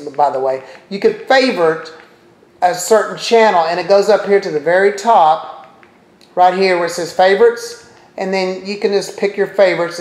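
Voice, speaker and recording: This middle-aged man has a somewhat high, a little mellow voice as he casually demonstrates a TV streaming service. Clicking through it, he thinks out loud with chatty asides to viewers, and the recording sounds roomy and echoey.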